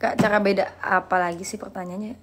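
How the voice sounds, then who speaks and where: A young woman hosting a live stream, chatting casually and playfully with viewers and answering their questions in slang, quick to laugh at herself. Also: medium pitch, level tone, slight background noise. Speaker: livestream host.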